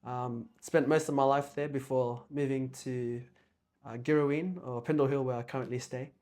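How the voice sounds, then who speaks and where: A young man from Australia, a guest in a casual chat, talking softly and hesitantly with many pauses and ums. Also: mid-range voice, fairly even intonation.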